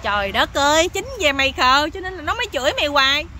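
A nosy older village uncle, put on by a woman telling a story, who scolds and exclaims in a Southern Vietnamese accent. The voice is high and bright, with a forceful edge. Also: lively intonation, fast talker, a little hiss or hum. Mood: scolding.

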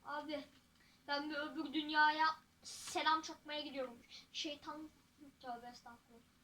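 A teenage girl giving casual, excitable gameplay commentary as a YouTuber, with loud outbursts and jokes. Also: high-pitched, unhurried, slight background noise. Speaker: gaming YouTuber.

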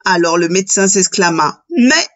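A woman narrating a children's audiobook with expressive storytelling. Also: mid-range voice, a little slow, dull audio.

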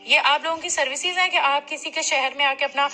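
A woman's voice: high voice, fairly even intonation, fairly quick, pushed and bright, faint music behind. A young woman, arguing indignantly and insistently on a recorded phone call. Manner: indignant, insistent, repeats herself. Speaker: complaining client on a phone call. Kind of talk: heated phone argument.

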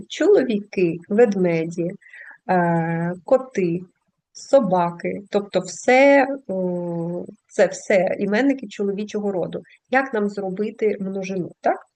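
A woman's voice: mid-range voice, animated, measured pace, a little mellow. A woman teaching a language lesson, patiently explaining step by step and reading out word lists.

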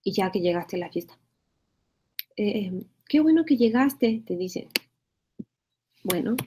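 A woman's voice: mid-range voice, warm tone. A woman teaching a spelling lesson, explaining patiently, repeating phrases and checking in with her students.

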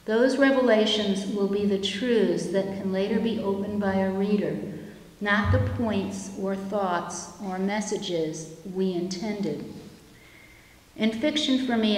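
A woman in her fifties gives a keynote lecture, reading measured and reflective prose from pages at a lectern microphone in a chapel-like hall. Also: medium pitch. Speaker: keynote speaker. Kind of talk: reading a prepared lecture aloud. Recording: echoey room with long hall reverb.

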